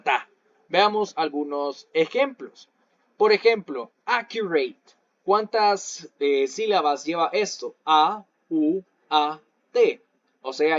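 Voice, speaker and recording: Guy teaching english over a call, kinda high voice, muffled lo-fi sound, goes over every example twice. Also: no echo. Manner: patient, repeats each example in English then Spanish. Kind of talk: online class explanation.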